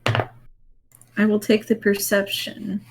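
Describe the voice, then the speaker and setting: A woman's voice: mid-range voice, monotone, very slow, creaky, noisy background. A woman chatting casually as a player in a tabletop game.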